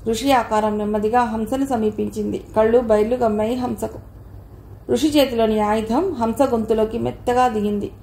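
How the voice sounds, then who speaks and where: Gravelly woman narrating a horror novel. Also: a little high, a little hiss or hum. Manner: even storytelling read. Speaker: audiobook narrator. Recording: echoey room.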